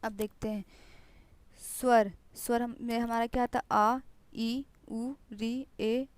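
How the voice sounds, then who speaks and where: A woman's voice: fairly high pitch, flat delivery, slow pace, dry recording, rough recording. Patient woman teaching young children. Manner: patient, repetitive explaining with examples. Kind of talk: online Hindi grammar lesson for young children.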